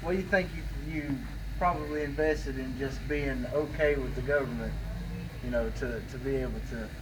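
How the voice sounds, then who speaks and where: Guy on a tour just chatting, impressed, folksy, medium pitch, noisy room behind him. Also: steady tone, normal speed. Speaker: visitor on a tour. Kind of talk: casual chat. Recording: loud machinery and room noise behind.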